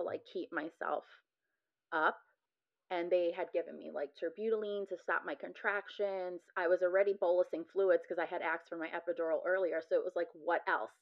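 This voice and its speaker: A woman with a somewhat low voice shares her personal story as a podcast guest, speaking frankly and with real earnestness. She leans on "like" between thoughts. The recording sounds dull and lo-fi, with the top end muffled. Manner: earnest, frank, heavy use of "like" as filler. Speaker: podcast guest, labor and delivery nurse. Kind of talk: candid personal storytelling in a conversation.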